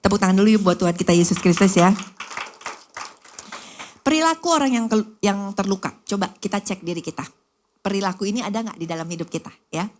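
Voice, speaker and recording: A woman pastor preaching an animated sermon, often calling out to the women in the congregation and acting out little scenes of everyday chatter. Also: mid-range voice, fairly quick, long pauses, slight background noise.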